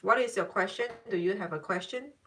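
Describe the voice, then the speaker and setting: A woman's voice: medium pitch, brisk, fairly bright tone, distant mic. A woman giving a casual live-stream psychic reading to viewers. She talks in a chatty, emphatic way, repeats herself often and laughs now and then. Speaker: tarot and psychic reader answering live viewers.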